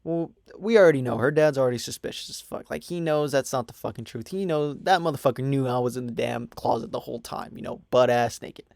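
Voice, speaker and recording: A man's voice: mid-range voice, brisk, creaky, hardly any pauses, a little mellow, no echo, clean studio sound. A young man casually telling a storytime tale on his own channel, swearing freely and leaning on "you know" and "whatever" as fillers. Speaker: storytime vlogger.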